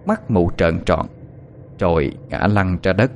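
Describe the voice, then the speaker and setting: A man giving a dramatic, expressive narration of a horror story as an audiobook narrator. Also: low-pitched, measured pace, slight background noise.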